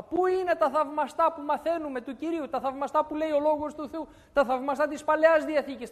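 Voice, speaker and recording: High-voiced preacher in a reverberant hall. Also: male voice. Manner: reads scripture aloud in formal old Greek; swings between loud emphatic lines and soft, quiet ones. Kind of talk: sermon. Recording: long reverb of a large hall.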